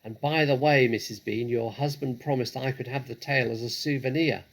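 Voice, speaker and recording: A man voicing a huge, coarse, servile housemaid in a storybook, calling out loudly. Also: medium pitch, fairly even intonation, moderate pace, close to an everyday voice, poor audio. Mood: gleeful.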